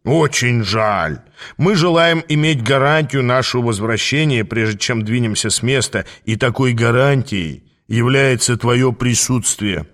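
A man's voice: mid-range voice, unhurried, a bit bright, lightly acted. A man reading the part of a firm, blunt male demon who gives orders and mocks, in an audiobook. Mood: mocking. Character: gruff, commanding male demon swordsman.

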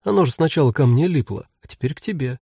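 A teenage daughter speaks in a shaky, stammering voice, as a male narrator plays her. The pitch sits well above his natural range. The sound is close and dry, a storybook reading. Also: expressive, fast, vocal fry, warm tone, breathy edge, dry recording, exaggerated voice. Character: teenage older daughter, tearful and laughing.

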